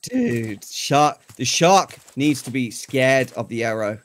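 A man's voice: medium pitch, expressive, slow. A man chatting casually and teasing his friend during a co-op game, laughing often. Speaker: co-op gamer, guest. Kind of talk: casual gaming chat.

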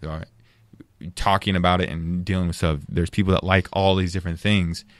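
A man with a very low voice talks as a podcast guest. He argues with passion and repeats words as he thinks. The recording is close and dry. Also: flat delivery, a little fast, no echo. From United States. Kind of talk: casual discussion.

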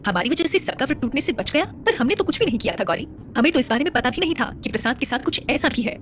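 A woman's voice: high voice, big pitch swings, quick pace, slight background noise. A woman voicing a stern, angry mother of a royal household, scolding and demanding answers. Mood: puzzled.

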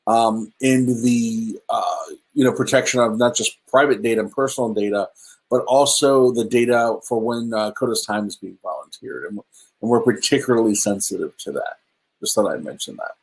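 On a webcam call from his home, a middle-aged presenter at a virtual meetup talks through his slides in a casual, halting way, with lots of ums and false starts. His voice is on the low side and slightly rough, at a moderate pace, and the recording quality is low.

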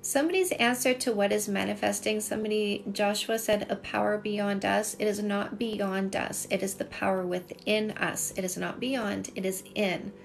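With vocal fry and hardly a pause, a middle-aged Canadian woman speaks in a steady, mid-range voice at normal speed, faint music behind her. She's a dating coach chatting on a livestream, reading and answering comments and repeating points for emphasis, captured by a phone at arm's length in a small indoor room with shelves.

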